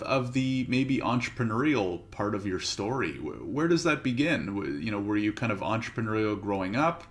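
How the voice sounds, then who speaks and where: A man hosting a podcast, asking relaxed open questions in a conversational way. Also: mid-range voice. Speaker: podcast host. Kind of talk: casual podcast interview.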